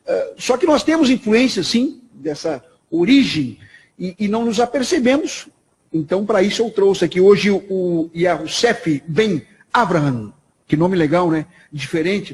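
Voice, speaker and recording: A man's voice: high voice, a little mellow, husky. A man hosting a local TV interview, a chatty, upbeat presenter who slips in jokes. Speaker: TV show host. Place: TV studio.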